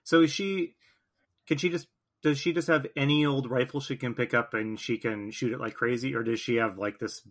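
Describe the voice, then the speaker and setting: A man's voice: medium pitch, steady tone, normal speed. A male podcast co-host in casual discussion, tentative and thoughtful as he works through ideas.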